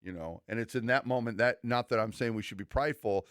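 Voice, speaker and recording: This pastor's smooth, slightly bright, medium-pitched voice moves at a quick pace on the church podcast he co-hosts. Earnest and preachy but conversational, he often restarts and acts out quoted asides, heard in clean studio sound with no room sound.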